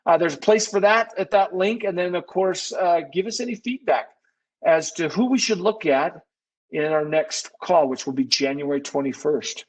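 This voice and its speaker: Through poor audio, a man with a slightly high voice talks at normal speed, presenting an informal live webinar Q&A. As a business consultant, he keeps it conversational, thinking aloud and correcting himself frequently.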